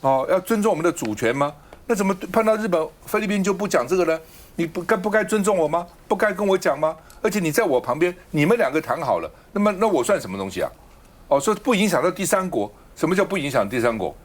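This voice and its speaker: His pitch is high and swings widely, and he talks fast. Hosting a political talk show at a studio mic, this man makes his points argumentatively, piling up rhetorical questions.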